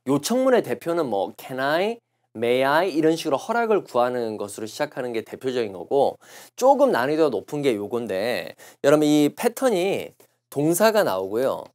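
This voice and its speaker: A man lecturing on English test answers, explaining patiently and repeating phrases slowly to show how they are pronounced. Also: medium pitch, big pitch swings, a little mellow. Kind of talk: recorded classroom lecture.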